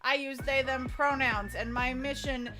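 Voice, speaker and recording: A woman chats to viewers on a livestream in an informal, folksy way. Her voice sits high with a bright edge, and she takes her time as she talks. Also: steady tone, measured pace, faint music behind. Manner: chatty, informal, folksy "y'all". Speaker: VTuber streamer, voice coach. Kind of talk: casual livestream chat.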